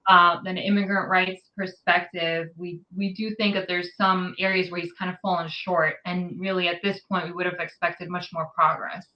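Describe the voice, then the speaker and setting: A woman's voice: on the low side, flat delivery, normal speed, hardly any pauses, muffled recording. A woman from New York City, an immigrant rights advocate, giving articulate, detailed interview answers with frequent ums.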